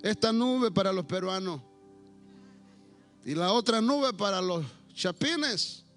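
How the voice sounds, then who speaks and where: A man preaching a Pentecostal sermon to a church congregation, swinging between shouted declarations and low, quiet asides, with a playful teasing streak. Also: expressive, slow, soft background music. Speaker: pastor.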